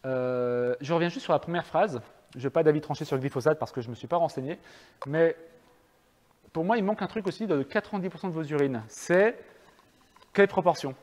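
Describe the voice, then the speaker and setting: French man, lecture hall reverb, slightly high voice, chatty with fillers. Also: brisk, darkish tone. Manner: conversational, hesitant, many fillers and restarts. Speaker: speaker giving a public talk. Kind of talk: lecture with audience questions.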